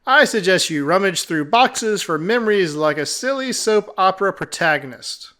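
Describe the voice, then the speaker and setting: Snarky talking cat in a game, high and lively, sneers at you, guy doing the voice. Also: normal speed. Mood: mocking. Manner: condescending, mocking.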